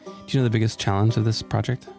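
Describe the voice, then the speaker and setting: A middle-aged man hosting a casual podcast chat, playful and quick to laugh, close to the mic. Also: fairly low pitch, little pitch movement, creaky, music in the background. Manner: playful, laughs often, teasing. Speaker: podcast host. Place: at home, late at night.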